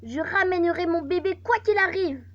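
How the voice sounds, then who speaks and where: A woman's voice: very high voice, normal speed, fairly bright tone, pitched above the performer's own voice. A woman reading out the lines of an angry ex-wife demanding her baby back, in a muffled lo-fi recording. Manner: insistent, reads game dialogue aloud.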